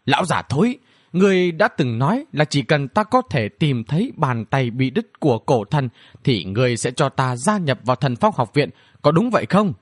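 A man's voice: medium pitch, animated, normal speed, no echo, studio quality, lightly acted. A man voicing a bratty, mischievous young girl princess who taunts and whines in a cheeky way. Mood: taunting. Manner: cheeky, whiny, provocative.

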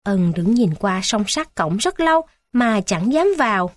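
A woman narrating a story in a steady, expressive reading. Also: mid-range voice, unhurried, no echo.

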